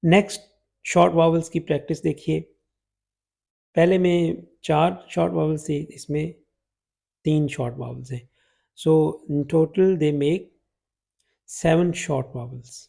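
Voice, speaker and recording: A man gives an unhurried phonetics lesson, stretching out each example word so learners can hear it. His voice is dark, husky and gravelly, pitched a little high for a man. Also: steady tone. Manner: slow, drawn-out demonstration of vowel sounds. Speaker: English teacher. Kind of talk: phonetics lecture in Urdu-Hindi with English examples.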